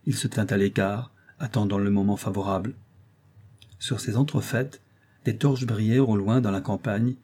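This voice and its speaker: Homme au timbre sombre lisant un conte. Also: male voice, lowish voice, mellow, slightly rough. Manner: measured, storytelling delivery. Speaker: audiobook reader. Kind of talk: scripted narration.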